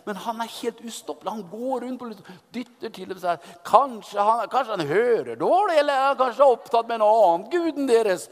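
Norwegian-speaking preacher in echoey hall. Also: male voice, very high voice, few pauses. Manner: lively, teasing storytelling with repeated restarts. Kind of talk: sermon retelling a Bible story.

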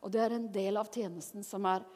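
A woman preaching a sermon, lively and emphatic, dropping at times to a soft, low voice. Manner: lively, shifts between loud emphatic and soft low passages. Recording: long hall reverb.

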